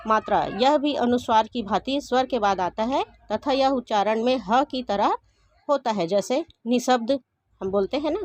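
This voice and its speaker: A woman with a slightly high voice leads a grammar lesson. She poses questions to the class and answers them herself, repeating each definition slowly and patiently. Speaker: teacher.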